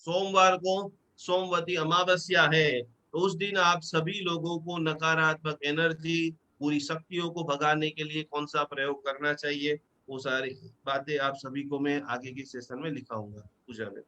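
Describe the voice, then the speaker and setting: A man teacher announcing what he will cover in an upcoming session, in a quick, instructive way. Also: a little high, flat delivery, bright, forceful tone.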